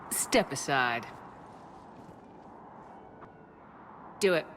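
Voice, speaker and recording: A woman's voice: extremely low pitch, animated, measured pace, a bit bright, a little hiss or hum, full character voice. A woman playing a confident, dry military commander in a video game, assured and understated. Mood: wry, confident. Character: tough, loyal female military commander, wry and confident.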